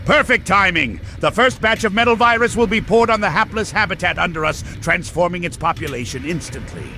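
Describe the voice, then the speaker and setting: A man voicing a bombastic, gloating mad-scientist villain in a comic dub, with slow theatrical menace. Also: high-pitched, sharp tone, a little hiss or hum.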